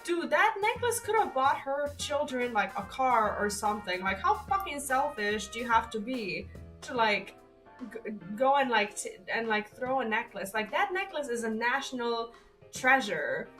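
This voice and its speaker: A woman's voice: a little high, very animated, normal speed, a bit bright, faint music behind, poor audio. A woman game streamer chatting casually to her viewers, rambling with lots of "like"s and the odd swear. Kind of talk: casual live-stream chat.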